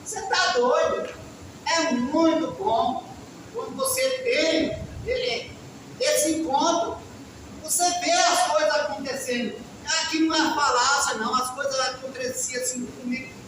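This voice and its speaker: A man preaching a fervent testimony sermon, sometimes breaking into shouts. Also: extremely high pitch, measured pace, noisy background. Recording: echoey hall from far off.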